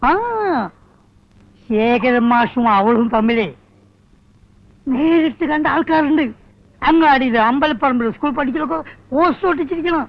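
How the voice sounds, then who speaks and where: An actor playing a meddling village busybody who excitedly spreads scandal in a film comedy scene. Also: high-pitched, normal speed, pauses often. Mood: gossiping. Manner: gossipy, scandalized, self-righteous. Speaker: village gossip. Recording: dull lo-fi old film sound.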